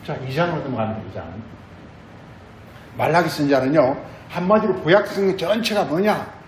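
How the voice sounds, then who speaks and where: A man's voice: on the high side, animated, normal speed, reverberant, slight background noise, poor audio. A male pastor giving a sermon, repeating phrases and asking the congregation questions. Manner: repetitive, asks the congregation questions.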